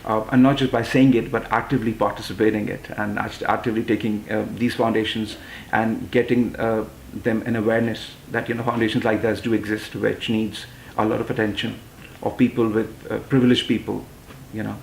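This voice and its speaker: Gravelly, flat-voiced young man in an echoey room. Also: fairly low pitch, a little fast, a little hiss or hum. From London, England. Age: 20s. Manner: hesitant, many fillers and restarts. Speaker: pageant titleholder and model. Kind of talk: interview answers.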